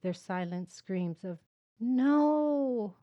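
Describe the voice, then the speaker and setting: Low, mellow woman reading her book. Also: unhurried, dull audio. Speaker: author and host.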